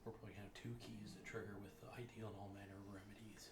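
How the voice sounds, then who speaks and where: Lower-voiced man in an echoey room. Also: flat delivery, rapid-fire, recorded from a distance. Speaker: tabletop game player. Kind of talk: casual chat and reading out during a board game. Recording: echoey room, clear background noise.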